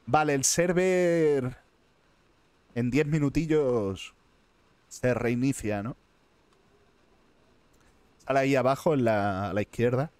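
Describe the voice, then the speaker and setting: A man's voice: mid-range voice, takes it slowly, long pauses, a little mellow, smooth, dry recording. A man with a Spain Spanish accent giving live gameplay commentary as a streamer, muttering to himself and swearing often.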